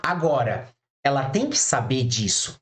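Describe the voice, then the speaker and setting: A man's voice: mid-range voice, very animated, unhurried, fairly bright tone. A man teaching eyebrow designers in a casual online class, chatty, blunt and familiar with his listeners, often acting out conversations with clients. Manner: chatty, acts out client dialogues in quoted voices.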